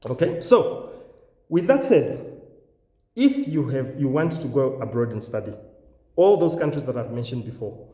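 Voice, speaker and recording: A man's voice: medium pitch, sing-song, measured pace, long pauses, mellow. A man with a Namibian accent giving an informal promotional talk to viewers as a channel host, self-assured and boastful, repeating phrases for emphasis. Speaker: YouTube channel host, education agent and English test coach. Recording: echoey, reverberant room.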